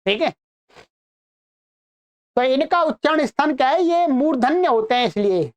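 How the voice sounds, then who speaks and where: A woman with a high, lively voice leads an online pronunciation lesson. She speaks unhurriedly and says each sound again and again so learners can copy it. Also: lo-fi sound. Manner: repeats sounds slowly and many times for learners to copy. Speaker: Sanskrit teacher.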